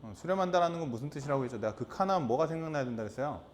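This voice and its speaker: A man with a somewhat high-pitched voice teaches a high school math class. He repeats the key terms and keeps asking the students questions to check they follow. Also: expressive, racing, slight background noise. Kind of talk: classroom lecture.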